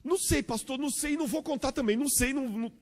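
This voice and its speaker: Man doing an evasive little boy, shrill high voice, hurried, echoing hall. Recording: long church hall reverb.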